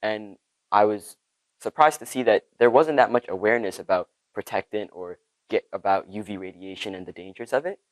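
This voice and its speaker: A man's voice: fairly low pitch, brisk, no echo, rough recording. A teenage boy from Ethiopia answering interview questions, eager and thoughtful. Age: teens. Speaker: student inventor.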